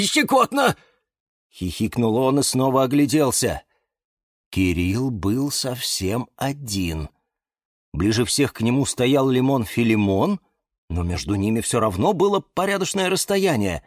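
A man narrating a children's storybook in an unhurried, expressive way. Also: mid-range voice, dry recording, studio quality.

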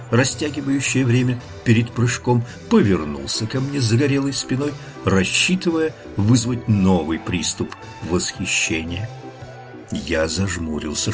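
A man narrating a first-person noir audiobook with expressive, dramatic storytelling. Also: lowish voice. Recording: faint music behind the voice.

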